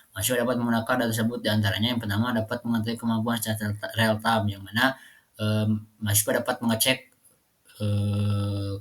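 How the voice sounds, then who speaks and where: A young man, a university student, giving a class presentation with frequent fillers and restarts. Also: fairly low pitch. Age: young adult. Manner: hesitant, many fillers and restarts.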